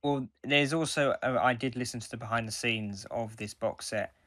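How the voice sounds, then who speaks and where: In this casual fan discussion, a podcast co-host speaks with a mid-range, slightly bright male voice. His enthusiasm comes through, though he halts, repeats words and frequently circles back on what he's said.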